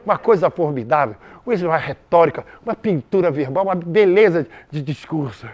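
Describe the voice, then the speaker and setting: A Brazilian man performing a storytelling monologue live on a theater stage, lively and joking directly with the audience. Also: a little high, normal speed, dull audio. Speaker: stage actor.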